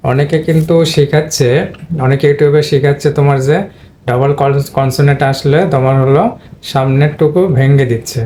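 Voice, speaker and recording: A man whose first language is Bengali gives a spoken English pronunciation lesson in a flat, mid-range voice at a moderate pace. He explains step by step and addresses viewers directly. Now and then he clears his throat.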